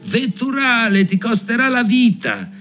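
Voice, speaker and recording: A shrill, taunting sparrow, put on by a man reading a fairy tale. The voice leaps high and jeers, with a lively, sing-song rise and fall. Soft music plays faintly behind. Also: measured pace, heavily acted. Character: cruel mocking male sparrow.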